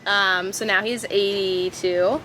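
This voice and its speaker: Taking it slowly in a mid-range voice, a young podcast guest raised abroad but from the DC area chats casually inside a van. She acts out quotes and laughs a lot as she tells lively stories, and the poor audio carries a little hiss or hum.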